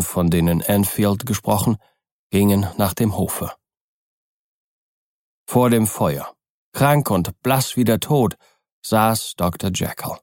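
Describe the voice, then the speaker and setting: A man narrating a classic novel as an audiobook, calm and even. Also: fairly low pitch, no echo, clean studio sound. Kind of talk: scripted literary narration.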